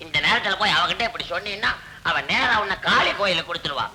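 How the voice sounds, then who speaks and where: An actor playing a henpecked middle-aged husband in a 1970s film comedy, with exaggerated comic outbursts. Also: male voice, high voice, animated, fast, a crowd in the background, low-quality recording. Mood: blustering. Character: henpecked middle-aged husband, former clerk, blustering and pious.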